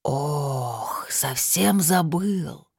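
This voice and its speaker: A woman reading an audiobook voices a cruel, mocking invisible male spirit with a husky, slow, drawn-out voice. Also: low voice, animated, darkish tone, no room sound, studio quality, full character voice. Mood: taunting. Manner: taunting, scornful. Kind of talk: audiobook narration.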